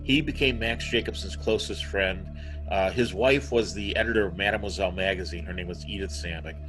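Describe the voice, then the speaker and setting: A man's voice: deep voice, fairly quick, soft background music, low-quality recording. A man who is a guest author, telling a story animatedly over a video call. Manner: animated storyteller, acts out quotes. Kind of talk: conversational storytelling.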